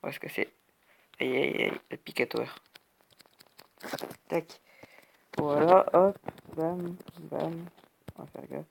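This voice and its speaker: This young gaming YouTuber, who has a cold, takes it slowly with long pauses, his fairly high voice gravelly. The rough recording has a little hiss or hum. His casual, rambling commentary over a video game is full of "hop," "bam" and "tac."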